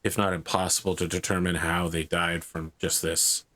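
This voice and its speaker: A man's voice: low-pitched, level tone, normal speed, sharp tone. A man narrating as game master in a tabletop role-playing game, explaining things conversationally.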